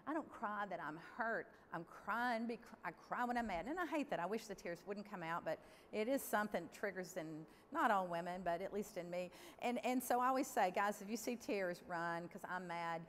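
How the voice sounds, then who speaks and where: Middle-aged woman, keynote speaker, candid and lively, echoing big hall, faint room noise. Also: medium pitch, fairly quick. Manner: lively, candid, addresses the audience directly. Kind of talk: conference keynote speech. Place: large conference hall.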